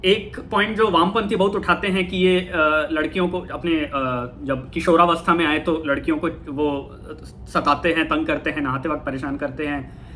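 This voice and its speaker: A man giving a casual talk on spirituality, thoughtful, pausing and correcting himself often. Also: fairly high pitch, fairly even intonation, fairly bright tone, a little hiss or hum. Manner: thoughtful, with frequent fillers and self-corrections. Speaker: talk host.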